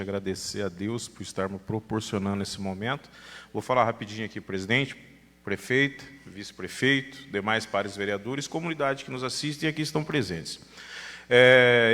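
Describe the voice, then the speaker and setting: A city councilor from Paraná with a Brazilian accent gives an emphatic, formal speech at a public hearing, thanking dignitaries at length. His mid-range voice sounds pushed and bright. It was recorded over the PA in a reverberant council chamber.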